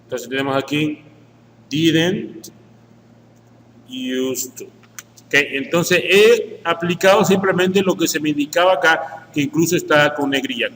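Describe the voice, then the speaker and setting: A man's voice: a little high, a bit bright. A man with an Ecuadorian Spanish accent teaching an English grammar lesson, working through each example step by step and checking in with "¿sí?" after nearly every sentence. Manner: explains step by step, tags sentences with "¿sí?". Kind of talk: screen-share grammar lesson. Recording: echoey room with faint background noise.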